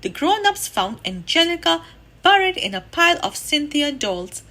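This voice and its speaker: A woman reading a children's picture book aloud in an expressive, animated way. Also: high voice, moderate pace. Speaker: storybook reader.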